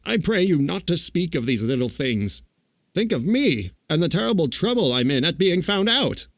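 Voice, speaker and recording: A man's voice: a little high, big pitch swings, normal speed, dry recording, clean studio sound, voice pushed up. Man putting on a meek, trembling little old wizard. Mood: sheepish.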